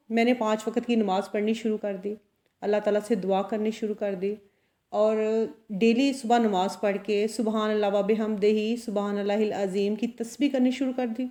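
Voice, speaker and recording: In a personal motivational talk, a vlogger who owns a salon and a boutique opens up sincerely to her audience, frequently tossing in questions to check on them. She has a mellow, mid-range voice with fairly even intonation and a moderate pace.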